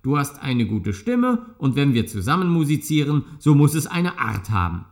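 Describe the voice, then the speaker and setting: A man reading a fairy tale, voicing a sensible male donkey who talks briskly and persuasively. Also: medium pitch, very animated. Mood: überredend.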